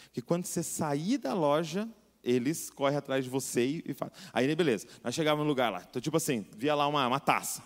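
A man preaching a sermon, telling a story in an animated way and acting out the voices of the people in it. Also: fairly high pitch, fast. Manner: animated storytelling, acts out voices, rising to fervent. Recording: long hall reverb.

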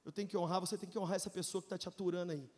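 A Brazilian man in his forties, a pastor giving a testimony sermon, telling his story with emotion, jumping from shouts to hushed asides and jokes. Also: sits high, steady tone, racing, big-room sound. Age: 40s.

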